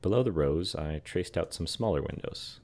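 A young man giving a calm, matter-of-fact scripted voice-over explaining how he builds a large model. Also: deep voice, moderate pace. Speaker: scale model and terrain builder. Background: soft background music.

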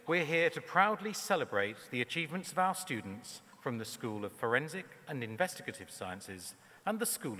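A man's voice: mid-range voice, sharp tone. A middle-aged man making a formal podium speech as a ceremony announcer, welcoming a gathering. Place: large concert hall stage, indoors. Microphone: lectern microphone. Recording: long hall reverb from podium PA.

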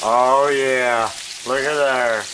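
Filmed on a phone in his home kitchen, this cooking channel host, a Southern American man in his thirties, walks viewers through cleaning and pan-frying a fish in a casual demonstration. He speaks in a mid-range voice with drawn-out words, folksy and relaxed, addressing everyone as "guys," over a noisy background.

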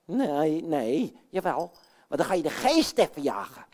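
A woman's voice: sits low, very animated, a little slow, darkish tone, heavily acted. A woman voicing a boisterous male puppet character in a children's puppet show, chatty and blustery, talking to the children. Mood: coaxing. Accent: Dutch. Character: Jan Klaassen, boisterous male puppet man.

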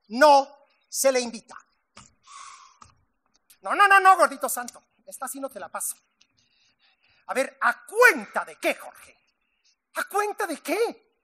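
A man's voice: very high voice, bright, forceful tone, heavily acted. A man playing a flamboyant, jealous middle-aged drag star on a theater stage, campy and sarcastic with swooping indignation. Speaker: stage actor in a musical. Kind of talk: live stage musical acting.

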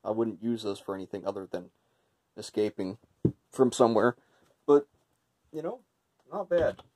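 A man with a fairly low, very relaxed and dark voice talks through a product as he handles it. He is casual and a little hesitant, working things out aloud as a reviewer would. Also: normal speed. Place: indoor room with tiled floor.

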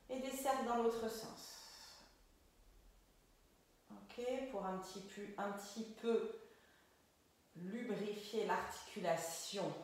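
A woman teaching a Pilates class, giving calm, gentle step-by-step cues and often checking in with "ok?". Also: mid-range voice. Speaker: Pilates instructor. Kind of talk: guided exercise class. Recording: very echoey room.

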